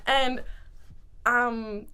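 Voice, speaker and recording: A woman co-hosting a podcast, telling an animated festival story in casual chat and swearing freely. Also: fairly high pitch, drawn-out words, a little hiss or hum. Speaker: podcast co-host.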